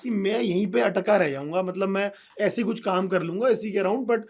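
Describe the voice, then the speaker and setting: A man's voice: high-pitched, normal speed, darkish tone. A man from India hosting an interview, asking probing questions while switching between Hindi and English. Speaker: host. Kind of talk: casual conversational interview.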